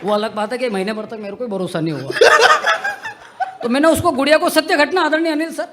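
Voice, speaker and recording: Speaking quickly in a very high voice through a very noisy recording, a young adult man delivers comic poetry from the stage of an outdoor tent at a poetry gathering. He jokes around and teases the audience over the microphone.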